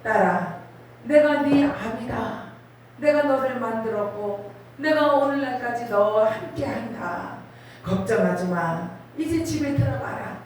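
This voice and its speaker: God as a calm commanding dad, woman preacher doing the voice, slow solemn lines, fairly high voice, booming echo hall. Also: a little hiss or hum. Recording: very echoey hall, voice from far off.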